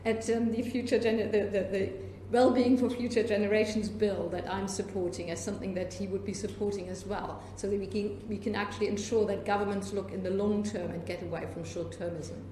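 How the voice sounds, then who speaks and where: Mellow-voiced woman in an echoey hall. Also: medium pitch, fairly even intonation, brisk. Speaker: member of parliament. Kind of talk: parliamentary debate intervention. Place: indoor debating chamber. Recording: echoey hall, faint background noise.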